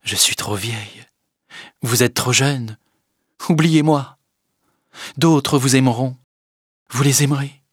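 A man putting on a weary, conflicted married woman from a classic novel, her voice lifted higher and hesitant, at times dropping to a breathy near-whisper. The audiobook sound is dry and close. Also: slow pace, long pauses, no room sound. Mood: wistful. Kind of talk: audiobook reading.

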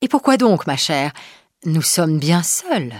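A woman's voice: low-pitched, big pitch swings, slow, dry recording, studio quality, full character voice. A woman voicing an ironic, wary French king who speaks frankly to his new wife. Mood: teasing. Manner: ironic, probing.

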